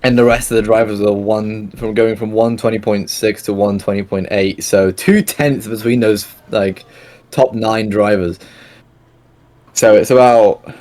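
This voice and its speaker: A man's voice: on the low side, fairly even intonation, a little slow, darkish tone. A young man doing live sim racing commentary in a casual, rambling way, full of fillers and self-corrections. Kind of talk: live esports race commentary.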